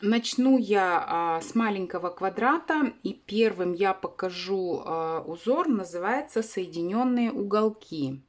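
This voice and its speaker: A woman hosting a sewing channel, explaining a craft tutorial carefully, often pausing with hesitation sounds. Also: mid-range voice, animated.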